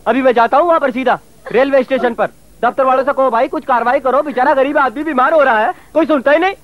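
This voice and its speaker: An actor playing an easygoing village man who jokes around and stumbles shyly through English, in a 1980s TV drama. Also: very high voice. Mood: joking. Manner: teasing, laughs nervously, halting English. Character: easygoing village man, joking and shy with foreigners. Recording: dull lo-fi TV soundtrack, faint train noise.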